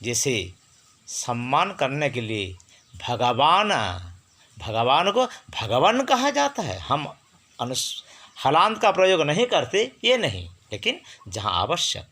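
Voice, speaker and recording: Man w slowly spelling out sounds, bright voice, pitch jumps around a lot. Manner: slow, drawn-out syllables, sounds each letter out; lively, rising and falling pitch for emphasis. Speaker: spiritual teacher. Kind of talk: teaching Hindi and Sanskrit pronunciation.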